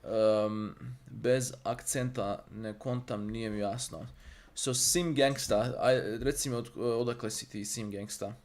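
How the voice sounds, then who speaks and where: His voice is lowish and steady, measured in pace with hardly any pauses. A native Serbo-Croatian speaker with a Balkan accent, this 3D artist and streamer runs a livestream modeling tutorial, rambling with viewers in a blunt, profane way.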